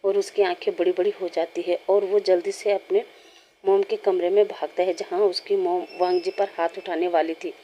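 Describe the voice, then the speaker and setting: A woman narrating a fan-fiction story in a steady, plain storytelling manner. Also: on the low side, slight background noise.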